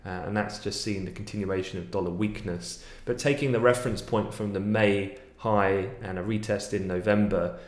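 A man's voice: on the low side, fairly even intonation, normal speed, hardly any pauses, echoey room. A man, giving fluent, analytical daily market commentary with frequent fillers from a small home office, recorded on a webcam at his desk.

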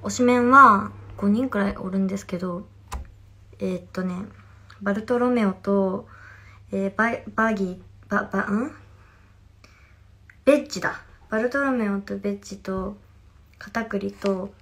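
A woman's voice: medium pitch, normal speed, pauses often. A young woman in her twenties from Fukuoka with a Hakata dialect accent, chatting casually on a phone livestream while reading fan comments. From Fukuoka, Japan. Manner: chatty, reacts to comments, drifts into soft whispers. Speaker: idol livestreaming to fans.

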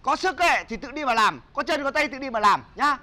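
A very high, bright voice: a rowdy young guy who pleads and scolds melodramatically in quick bursts, as an actor plays him. He has a Northern Vietnamese accent. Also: lively intonation, exaggerated voice. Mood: scolding. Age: young adult. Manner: fast, exaggerated pleading and scolding. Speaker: actor in comedy sketch.

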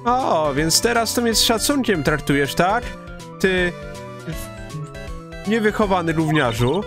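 A hoarse man voicing a cranky, nosy old woman who scolds and bosses people around. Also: high voice, lively intonation, measured pace, over music, voice pushed up. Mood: scolding. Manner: scolding, huffy and bossy.

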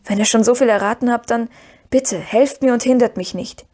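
A woman reading the part of Frodo, a worried young male hobbit who speaks hesitantly and gravely. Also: fairly high pitch, moderate pace, dark tone, lightly acted. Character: earnest young male hobbit, burdened and anxious.

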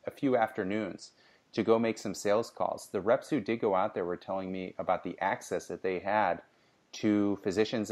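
A man co-hosting a casual sales podcast, giving upbeat coaching advice with frequent restarts. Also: low voice. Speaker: podcast co-host.

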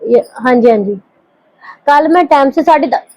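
A woman's voice: sits high, lively intonation, moderate pace, no room sound, poor audio. Timid young woman, dry close voice. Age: 20s. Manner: hushed, timid, hesitant. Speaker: daughter in a family skit. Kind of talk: acted family drama dialogue.

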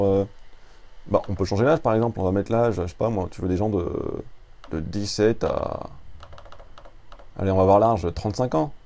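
A man's voice: fairly low pitch, dark tone. A man giving a casual screen-recorded tutorial, chatting informally with lots of fillers and restarts while typing at his computer. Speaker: Japanese tutor.

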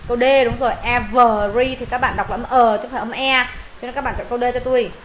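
A woman's voice: a little high, fairly even intonation, rapid-fire, a little hiss or hum, rough recording. A woman teaching English pronunciation in Vietnamese, modelling words, repeating them for students and thinking aloud when unsure.

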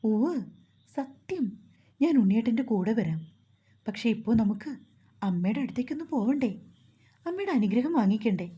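A woman voicing a frightened young bride who pleads softly in a raised, gentle voice. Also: big pitch swings, normal speed, pauses often, breathy edge, lo-fi sound, full character voice. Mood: gentle reassuring. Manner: soft, pleading, higher-pitched.

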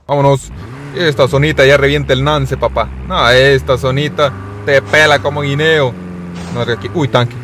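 A young man calls out his shooter match live, his voice sitting high. He is excitable and talks in crude street slang to his viewers, with a faint hiss of noise behind him. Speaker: gaming streamer. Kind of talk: live gameplay commentary.

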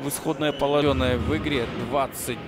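A man commentating live on ice hockey, with excited goal calls. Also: medium pitch, fairly quick, loud music behind the voice. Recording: very noisy arena, loud background ambience.

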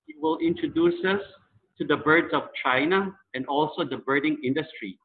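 A man's voice: fairly high pitch, moderate pace. A man hosting an online session, introducing the guest in an upbeat, announcer-like manner over a video call. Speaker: host. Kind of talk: formal introduction. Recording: tinny video call audio.

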